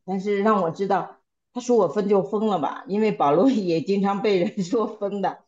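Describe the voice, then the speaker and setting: Woman member giving testimony at Bible study, halting with restarts, mid-range voice, somewhat dull recording. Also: medium pitch, a little mellow. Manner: halting, repeats and restarts words. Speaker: church member sharing testimony.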